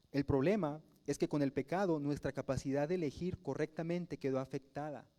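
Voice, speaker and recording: A Mexican pastor delivers his sermon in a relaxed, conversational style. His voice is warm and mellow but sits a little high for a man. He keeps turning to the congregation with rhetorical questions.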